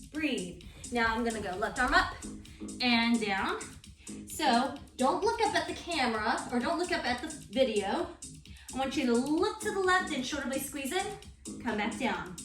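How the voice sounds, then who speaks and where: Over music in an echoey room, a high-voiced woman leads a workout as an aerobics instructor. She gives short, encouraging commands and counts out moves, sounding physically active as she demonstrates. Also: a bit bright. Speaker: aerobics and core fitness instructor. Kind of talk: exercise class instruction with counted cues. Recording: roomy echo, distant mic, music underneath.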